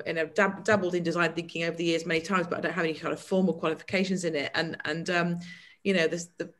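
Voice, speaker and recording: Woman cohost thinking out loud, lots of um and you know, normal pitch. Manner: thoughtful, searching for words with fillers. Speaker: podcast co-host and author. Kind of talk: reflective discussion.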